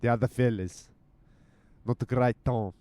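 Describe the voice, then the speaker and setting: A man's voice: medium pitch, fairly even intonation, unhurried, mellow, dry recording. A man hosting his own podcast, chatting casually and teasing in a mock-stern way from inside his car. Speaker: podcast host. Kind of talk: casual rambling monologue while driving. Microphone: handheld mic with headphones.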